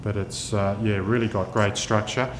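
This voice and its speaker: A man presenting his wine as its maker, giving unscripted sommelier-style tasting notes with halting pauses. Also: level tone. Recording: echoey room, clear rumbling background noise.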